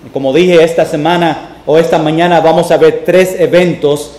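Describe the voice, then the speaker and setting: A man preaching a Sunday sermon as pastor, slow and deliberate, with homely family examples and a few English words mixed in. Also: on the high side, steady tone, darkish tone. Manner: mixes English words into Spanish. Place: church sanctuary. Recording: echoey church room.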